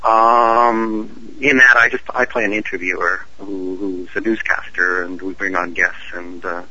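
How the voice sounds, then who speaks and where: A man's voice: low voice, steady tone, unhurried, pushed and bright, lo-fi sound. A man being interviewed as an actor guest over a call, genial and joking. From Canada. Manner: genial, joking, chatty with fillers. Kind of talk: casual interview chat. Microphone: phone call.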